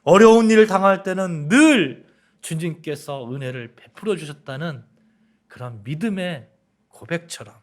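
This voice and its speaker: A man preaching a sermon as pastor, asking the congregation questions and building to emphatic outbursts. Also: medium pitch.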